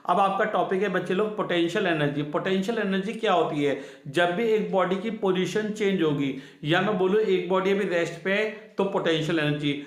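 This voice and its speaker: Echoey high-voiced male physics teacher. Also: a bit bright. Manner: repeats each key answer twice, asks the students questions. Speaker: science teacher. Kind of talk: classroom physics lesson.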